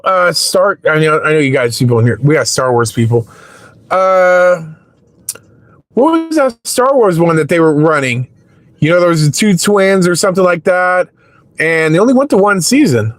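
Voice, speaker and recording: A man's voice: sits high, very animated, moderate pace, dry recording. A man chatting casually with his live-stream viewers while waiting for rides in his parked car, rambling and swearing freely.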